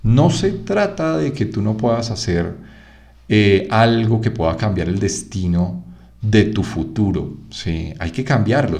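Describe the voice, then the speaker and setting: A man with a Colombian Spanish accent giving an online lecture on acupuncture, teaching in a lively way and checking in often with "¿sí?". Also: deep voice. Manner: lively teaching, frequent "¿sí?" checks, acts out students' objections. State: one ear feels blocked.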